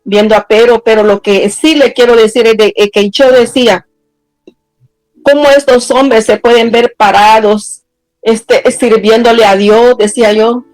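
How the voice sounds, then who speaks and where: A woman's voice: fairly even intonation, a little mellow, no room sound, faint music behind, rough recording. Earnest woman preacher. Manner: earnest, slows down and rises in pitch when stressing a point. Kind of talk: personal testimony sermon.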